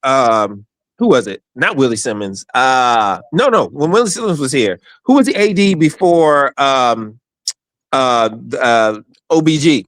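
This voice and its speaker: Animated, exasperated man calling in. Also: medium pitch, unhurried, no room sound, studio quality. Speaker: caller on a sports show. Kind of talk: casual chat.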